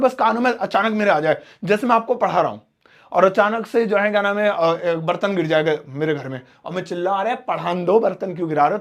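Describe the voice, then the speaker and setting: A man's voice: high voice, fairly bright tone. A young man teaching simple English in an explanatory lesson, repeating key words and acting out everyday examples. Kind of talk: spoken English lesson in Hindi.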